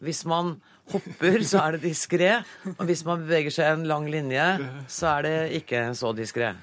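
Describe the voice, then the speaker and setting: A man with a fairly high voice anchors a studio news interview, moving between scripted introductions and light banter. The sound is dry and close. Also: fairly even intonation, fairly bright tone, dry recording. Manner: light, joking about not understanding.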